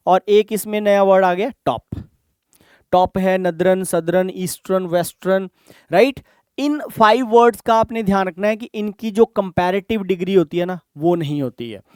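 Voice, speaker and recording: A man's voice: high voice, a little mellow, clear, resonant tone, no echo, studio quality. A man with an Indian accent teaching an exam-prep grammar lesson, explaining step by step and checking in with the students. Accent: Indian English. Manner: explains patiently, asks rhetorical checks.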